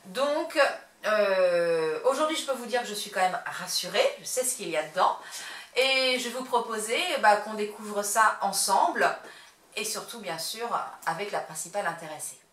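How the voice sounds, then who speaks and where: A woman's voice: mid-range voice, lively intonation, moderate pace, fairly bright tone. Chatty woman, hesitant, in a roomy space. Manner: chatty, hesitant with frequent fillers. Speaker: pet channel host. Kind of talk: casual unboxing vlog. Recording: roomy echo, mic at a distance, faint noise.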